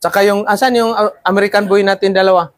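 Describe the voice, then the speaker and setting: A man's voice: sits high, steady tone, quick pace, a crowd in the background. A man teaching a class of seafarer trainees, lecturing and often checking in with "ha?" and "di ba?". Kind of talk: classroom talk.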